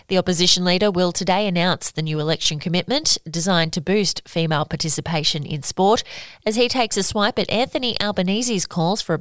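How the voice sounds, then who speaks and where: A woman's voice: on the low side, no room sound, studio quality. A woman with an Australian accent reading a scripted news bulletin as its presenter.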